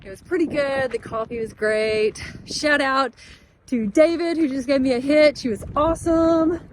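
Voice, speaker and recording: A woman's voice: high-pitched, moderate pace, slight background noise. A young woman hiker talking to her vlog camera outdoors on a trail, earnest and upbeat, giving a pep talk. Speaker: long-distance hiker vlogging her trip. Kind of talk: casual motivational vlog talk.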